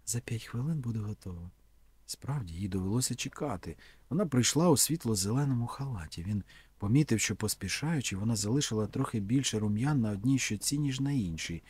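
Husky male audiobook narrator. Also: medium pitch, lively intonation, fast talker, a little mellow, no echo. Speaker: audiobook reader. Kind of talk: scripted narration.

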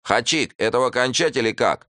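A brutal male bandit from an audiobook thriller, jeering and coarse, his voice pitched high and strained above the reader's own deep tone, as a narrator puts him on. He barks out his lines loudly in a dry, close sound. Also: sing-song, measured pace, no echo. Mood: gloating cruelty. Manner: jeering, coarse, shouted orders. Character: cruel male Russian thug, brutal bandit.

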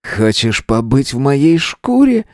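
A man's voice: mid-range voice, lively intonation, measured pace, mellow, no room sound, studio quality, pitched above the performer's own voice, lightly acted. A man reading an audiobook voices a cold, contemptuous armed man who barks orders and sneers. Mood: sneering.

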